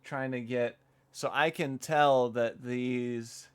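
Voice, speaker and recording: A young male vtuber talks through his game in a relaxed, unhurried way. His voice is smooth and resonant, and his middle-pitched chatter wanders into rambling, self-deprecating tangents. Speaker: vtuber streamer. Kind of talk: casual chat while gaming.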